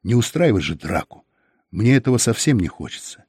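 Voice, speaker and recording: A man voicing a calm, thoughtful male explorer who talks mildly in an audiobook. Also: brisk, husky, no echo, studio quality, heavily acted. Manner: low, thoughtful and mild.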